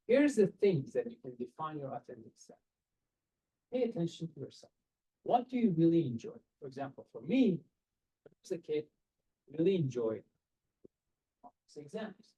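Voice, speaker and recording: An Iranian man gives earnest career advice to students in a video-call seminar, speaking directly with rhetorical questions and non-native phrasing. His voice is fairly high and husky with a dark tone and big pitch swings, delivered at a moderate pace with frequent pauses. The webcam audio is poor.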